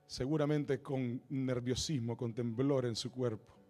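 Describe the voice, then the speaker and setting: A man's voice: mid-range voice, steady tone, measured pace, dark tone, soft background music. A man preaching a sermon as pastor, emphatic and repetitive, often acting out the voices of people he quotes. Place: church sanctuary.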